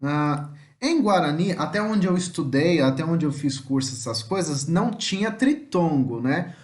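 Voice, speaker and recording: Brazilian Portuguese male teacher, slightly high voice, patient explainer for an online lesson, sounds words out slowly. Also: lively intonation, a little mellow. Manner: explains patiently, often checks in with the listener; slowly spells out words syllable by syllable. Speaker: language teacher.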